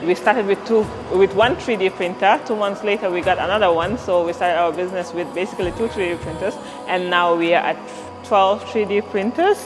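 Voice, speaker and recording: A young woman from Gambia, a company director, giving a relaxed, friendly tour of her office and explaining her work. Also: medium pitch, brisk, few pauses, music in the background, rough recording. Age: young adult.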